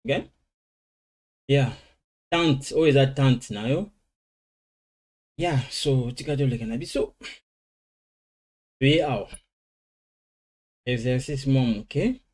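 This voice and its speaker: Man slowly drilling English vocabulary. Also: mid-range voice, expressive, darkish tone. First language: Lingala. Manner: switches between languages, slow drilling of English words. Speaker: language teacher. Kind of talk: informal vocabulary lesson.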